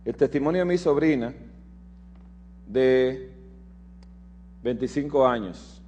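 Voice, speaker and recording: A man giving a preached lecture, telling personal stories and acting out the dialogue, dropping to quiet asides and rising to loud emphasis. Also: medium pitch, takes it slowly, dull audio, a little hiss or hum. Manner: animated storyteller who acts out dialogue and swings from hushed asides to loud emphasis. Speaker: health lecturer at a Bible prophecy school.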